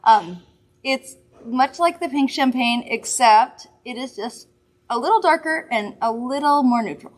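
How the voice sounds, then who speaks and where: A woman's voice: high-pitched, animated, measured pace. A woman hosting a weekly makeup livestream, chatting casually and giggling while she demonstrates products. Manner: chatty, giggly, rambling asides. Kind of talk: casual product demo chat.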